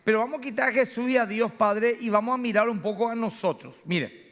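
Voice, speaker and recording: A man's voice: very high voice, fast talker, a bit bright. A middle-aged man preaching a sermon as a pastor, telling anecdotes and acting out family dialogues. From Paraguay. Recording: reverberant church hall.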